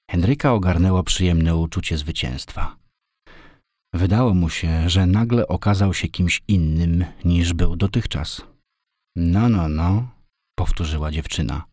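A man narrates a novel in a steady, measured storytelling voice. His pitch is very low, and the recording is dry and close, with no room sound. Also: no echo.

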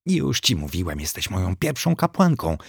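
A man voicing a small, self-satisfied male hamster who believes he is a god, speaking solemnly with a gravelly voice. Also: deep voice, very animated, moderate pace, no room sound, studio quality, exaggerated voice.

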